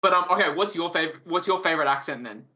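A man's voice: fairly high pitch, fast, pushed and bright, lo-fi sound, a little hiss or hum. A man hosting a casual chat among friends, reading out a ranked list and teasing the others.

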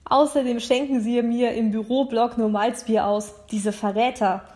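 A woman reading a novel aloud, voicing a blunt, mocking male supervisor in a brash, loud manner. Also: fairly high pitch, fairly even intonation, moderate pace, close to an everyday voice. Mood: sarcastic. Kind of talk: audiobook character voice.

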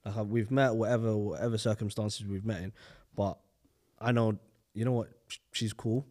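Lower-voiced man chatting casually. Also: fairly even intonation, moderate pace, darkish tone. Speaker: podcast panellist. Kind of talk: casual chat.

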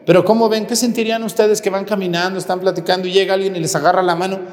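Animated Mexican priest preaching in a reverberant church. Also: male voice, sits high, very fast. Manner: animated, asks the congregation questions directly. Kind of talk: sermon.

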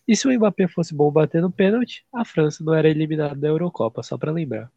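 A man's voice: fairly high pitch, fast talker, dark tone, dry recording, dull audio. A Brazilian man co-hosting a podcast in casual, slangy, opinionated football chat, his duck-like voice nasal and congested from a blocked nose. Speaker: podcast co-host.

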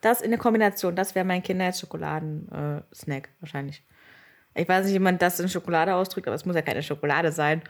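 A woman's voice: on the low side, brisk. A woman co-hosting a podcast in casual chat, talking animatedly, telling stories and laughing easily. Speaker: podcast co-host.

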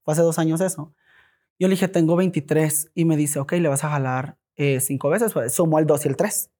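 A man's voice: on the high side, moderate pace. Mexican guy spilling a wild story on a podcast, swears a lot, acts out everyone's lines. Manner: animated, swears freely, acts out quoted dialogue. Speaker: podcast guest. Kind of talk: casual storytelling.

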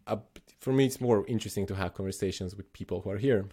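Man from Slovenia, low mellow voice. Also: quick pace, husky. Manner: thoughtful, many restarts and self-corrections. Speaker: podcast host. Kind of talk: casual podcast chat.

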